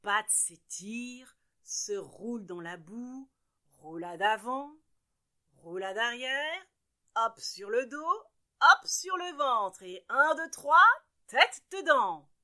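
Slow, bright-voiced woman storyteller. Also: on the high side. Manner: expressive, playful sound words. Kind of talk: storytelling for children.

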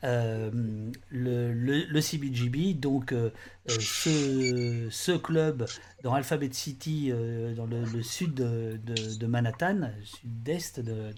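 A man's voice: mid-range voice, slow pace, background noise. A man hosting an interview, hesitant and full of restarts as he asks his guests about their book. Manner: hesitant, many restarts and fillers. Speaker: host. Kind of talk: casual interview chat.

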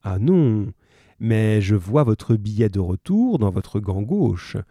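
A shrewd, kindly male detective, read aloud by a man, calmly walking a visitor through his deductions with quiet amusement. The voice is very dark and mellow, with a lively, wandering pitch, and the sound is close and dry. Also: slow, no echo, full character voice. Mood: calm explanation. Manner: calm, reassuring, lightly amused.

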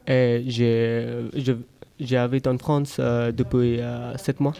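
A teenage boy from Bangladesh, answering interview questions in a learner's halting way with many fillers and restarts. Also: medium pitch, flat delivery, vocal fry, mellow, smooth. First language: Bengali. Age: teens. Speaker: interview guest. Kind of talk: school interview.

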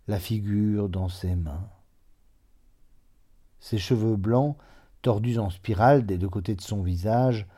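A man reading a literary short story aloud in a measured narration. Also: deep voice, dark tone, husky. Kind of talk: scripted audiobook narration.

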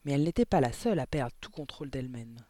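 A man reading a children's novel aloud as expressive audiobook narration. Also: medium pitch, quick pace, dry recording. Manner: expressive storytelling. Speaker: audiobook reader. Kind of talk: scripted narration.

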